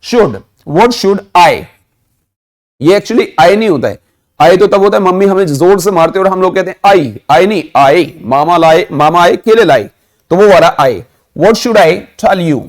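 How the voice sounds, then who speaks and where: Teacher guy, high voice, keeps asking the class and answering himself. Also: unhurried. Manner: drills phrases, asks the class questions and answers himself. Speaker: spoken English teacher. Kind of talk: classroom lesson.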